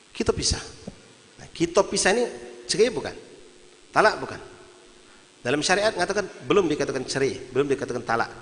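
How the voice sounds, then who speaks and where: A man with a Palembang Malay accent teaching a religious lesson at a mosque, lively, often acting out quarrelling husbands in local dialect. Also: medium pitch, long reverb tail, low-quality recording. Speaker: preacher at a mosque study session. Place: mosque hall.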